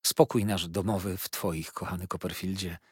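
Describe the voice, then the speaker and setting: A man voicing a gentle young wife who speaks softly and imploringly. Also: deep voice, steady tone, moderate pace, breathy edge, dry recording, studio quality. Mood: earnest. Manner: soft, imploring.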